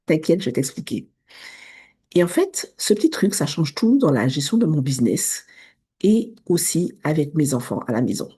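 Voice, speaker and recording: Woman vlogger, 30s, English accent; low, dark voice, chatty direct address. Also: big pitch swings, normal speed, breathy edge. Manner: chatty, addresses viewer as tu, self-correcting restarts. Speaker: vlogger, business coach. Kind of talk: casual direct-to-camera talk.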